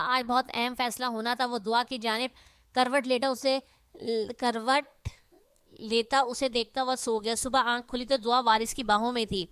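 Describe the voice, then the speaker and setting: A woman narrating a romance novel in steady, dramatic storytelling. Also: fairly high pitch, clear, resonant tone, no room sound, clean studio sound.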